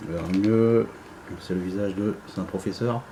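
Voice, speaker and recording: A man's voice: on the low side, fairly even intonation, normal speed, noisy background. A man giving casual unboxing commentary, rambling and hesitant with many fillers. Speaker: unboxing vlogger.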